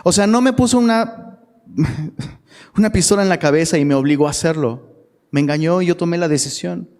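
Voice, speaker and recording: A youth pastor delivers a relaxed, slangy sermon to a live crowd in a church hall, frequently asking them questions. His voice is on the high side and darkish, at a moderate pace, with long hall reverb on the recording.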